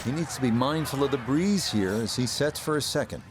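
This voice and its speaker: A man's voice: mid-range voice, lively intonation, a little fast, noisy background, natural voice. A man giving play-by-play as a golf commentator, with a polished broadcast delivery. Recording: music and crowd behind the voice. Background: music, crowd.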